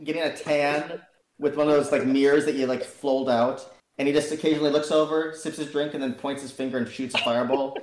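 A man's voice: mid-range voice, fairly quick, noisy background. Jokey podcast man in an echoey room. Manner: animated, jokey storyteller. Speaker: podcast co-host and tabletop player. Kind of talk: casual chat.

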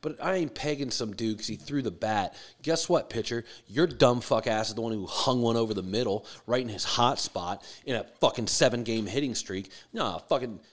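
A man's voice: mid-range voice, normal speed, few pauses. Profane, heated man ranting about sports. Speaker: sports commentator.

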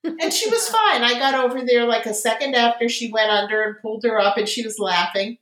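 An older woman co-hosts a casual book chat and tells her stories with expressive enthusiasm. She is heard in a roomy, echoey space. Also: a little high, fast talker, background noise. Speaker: co-host of a book discussion. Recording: echoey room.

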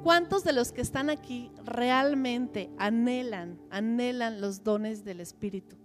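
A woman's voice: on the high side, measured pace, over music. A middle-aged woman teaching a church seminar, asking her audience questions and repeating words for emphasis.

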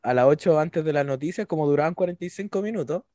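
A young adult Chilean man co-hosting a casual podcast, relaxed and slangy, telling childhood stories. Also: on the high side, fast talker, no echo. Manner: relaxed, laughs often, slangy. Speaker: podcast co-host. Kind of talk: casual chat.

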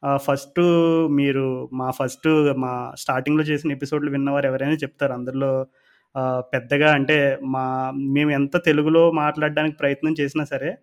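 A man's voice: medium pitch, level tone, moderate pace. A man with a Telugu accent chats as a podcast co-host, explaining things hesitantly in winding sentences full of mixed-in English words. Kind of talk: casual podcast talk in Telugu-English mix.

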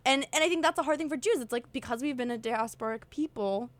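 Higher-voiced woman co-host. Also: fast. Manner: rambling, filler-heavy, searching for words. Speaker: podcast co-host. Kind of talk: casual conversation.

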